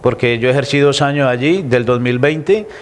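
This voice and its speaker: A man's voice: mid-range voice, normal speed. A man from Colombia with a Colombian accent, a guest giving an emotional, reflective personal testimony in an interview. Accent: Colombian Spanish. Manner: emotional, reflective storytelling with many restarts.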